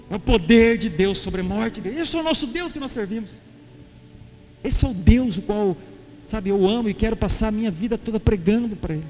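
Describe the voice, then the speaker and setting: A Brazilian man preaching a passionate, emphatic sermon in a church, talking to the congregation in a casual way. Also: very high voice. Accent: Brazilian Portuguese. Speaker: pastor. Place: church hall. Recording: reverberant church hall with faint music.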